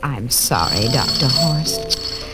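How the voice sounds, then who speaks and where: An elderly, fussing mother in a vintage radio drama. She speaks in a homey, gently insistent way, with music on the recording. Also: extremely low pitch, expressive, slow pace, full character voice. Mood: concerned. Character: kindly, fussing elderly mother of grown sons. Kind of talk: old-time radio drama acting.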